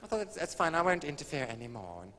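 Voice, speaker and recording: A man, a cabaret comedian telling a comic story on stage with a dry, camp, deadpan delivery. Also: a little high, fast, a little hiss or hum. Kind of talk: stand-up storytelling. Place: live stage venue. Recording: live hall recording from a video.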